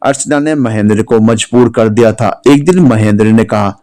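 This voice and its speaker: A man's voice: on the low side, moderate pace, dark tone. A man narrating an emotional story as a storyteller, voicing all the characters himself and raising his voice for the women and the angry moments. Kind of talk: scripted narration with acted dialogue.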